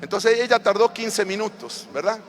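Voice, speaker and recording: A man preaches a fervent sermon, his voice sitting high for a man. He moves between intimate, quiet passages and loud bursts. The recording has long church-hall reverb with faint music underneath. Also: expressive, normal speed. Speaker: pastor. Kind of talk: live sermon.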